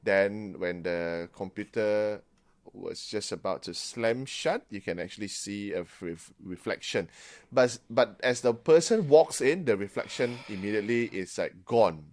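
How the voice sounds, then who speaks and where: Low-voiced man, casual colloquial co-host. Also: measured pace, darkish tone. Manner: colloquial, drops "lah" into sentences, laughs at his own jokes. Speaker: podcast co-host. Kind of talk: casual ghost-story podcast chat.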